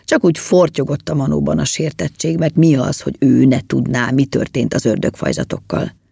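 Brief: storybook narrator, woman, husky and animated, close and dry. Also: extremely low pitch, no room sound. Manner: lively and expressive. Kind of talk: storybook reading.

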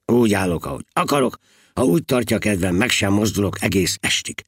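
A proud, pouting monk full of wounded dignity, lecturing his brothers in a husky, lively voice, as a storybook narrator puts him on. He sounds close and dry. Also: fairly low pitch, dry recording. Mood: defiant. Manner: defiant, indignant, preaching. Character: sulky stubborn male monk with torn sandals. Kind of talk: storybook reading.

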